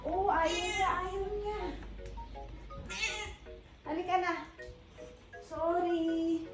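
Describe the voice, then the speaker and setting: A woman's voice: very high voice, fairly even intonation, extremely slow, loud music behind the voice. A woman vlogging with her cats, cooing baby talk at the kittens and chatting casually with them. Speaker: pet vlogger.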